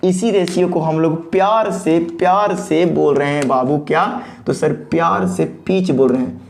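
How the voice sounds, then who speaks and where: A man's voice: fairly high pitch, normal speed, creaky. A man giving a technical lecture who asks questions and answers them himself, repeating key terms and mixing in English phrases. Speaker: teacher. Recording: echoey room.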